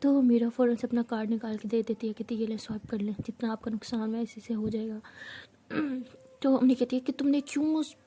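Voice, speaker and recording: A woman casually retelling a romance story, acting out the characters' lines herself and dropping to soft whispers in tender moments. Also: fairly high pitch, little pitch movement, a little fast, slight background noise. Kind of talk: casual spoken storytelling with acted dialogue.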